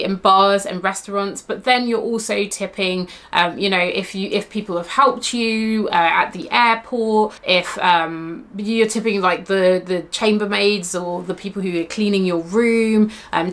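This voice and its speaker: A woman from Britain with a British accent, giving casual travel tips to camera in a chatty, animated way with many fillers and restarts. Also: mid-range voice. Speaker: travel vlogger.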